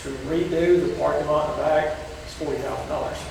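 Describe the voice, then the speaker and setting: Man, gravelly voice, informal meeting talk, far off in a very echoey hall. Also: a little high, fairly even intonation, fast. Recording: echoey hall, distant mic, noisy.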